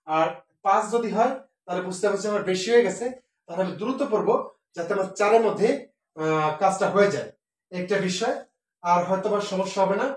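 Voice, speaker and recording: A male teacher with a Bangladeshi Bengali accent explains poetic meter slowly, using fillers and counting out syllables one by one. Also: high-pitched. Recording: very echoey room, distant mic.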